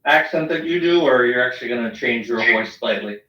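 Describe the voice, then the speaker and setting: A man's voice: medium pitch, animated, brisk, pushed and bright, recorded from a distance, dull audio. A man hosting a casual podcast, teasing his co-host in a dry way. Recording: echoey, set back from the mic.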